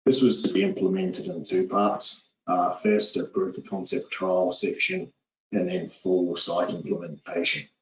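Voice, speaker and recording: Over a call, a low-voiced New Zealander in his forties presents a webinar in a steady, businesslike way, with plenty of "uh"s and a slightly slow delivery. The recording sounds dull, echoey and far off.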